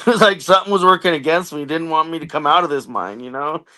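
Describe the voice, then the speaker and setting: A man's voice: on the high side, quick pace, sharp tone. An American man in his thirties, a veteran guest on a podcast, telling a long personal story in a casual, joking way with lots of fillers. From United States. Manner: conversational, jokey, filler-heavy storytelling.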